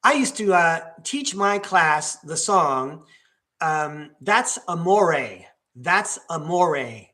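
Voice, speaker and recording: A little high, pushed and bright, the voice belongs to an older man from New York, United States, who hosts a podcast. He chats on his own in a digressive, rambling way, often using fillers and correcting or restarting himself.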